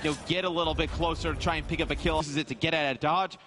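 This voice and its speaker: A man's voice: fairly high pitch, steady tone, quick pace, fairly bright tone, slight background noise. A man giving casual, analytical esports commentary as a caster.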